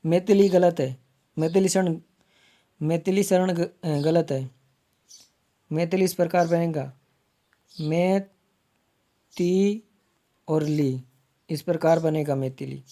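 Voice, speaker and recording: A man teaching Hindi grammar for exams, repeating each word slowly to spell it out and calling viewers his friends. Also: high voice, warm tone. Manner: slow, repeats words to spell them out. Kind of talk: exam-prep lesson.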